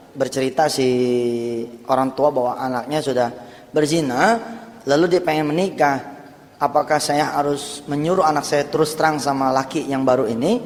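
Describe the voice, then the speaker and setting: A man preaching a sermon, telling a counseling story with lively swings between loud urging and hushed tones. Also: on the high side. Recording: long hall reverb.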